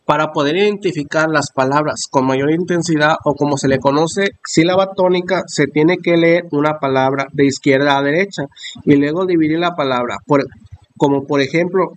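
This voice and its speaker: A man reading out a school lesson on stress and accent marks, slowly explaining each example. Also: a little high, dry recording. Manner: slow, careful explanation with examples.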